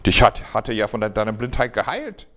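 A man's voice: fairly low pitch, very animated, a little fast, fairly bright tone. A man reading the questioning, hostile lines of religious leaders. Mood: accusing. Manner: accusing, interrogating.

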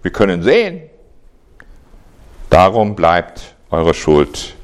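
Male reader as a deliberate, authoritative teacher; low voice. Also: huge pitch swings, full character voice. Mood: solemn.

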